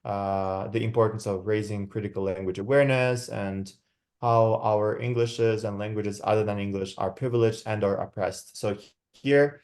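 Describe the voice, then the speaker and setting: This guest lecturer, a young man from Kazakhstan, has a voice on the low side, slightly mellow, with fairly even intonation. Moving through slides in an academic talk, he sounds reflective and measured, leaning on fillers and frequent tag questions to engage listeners.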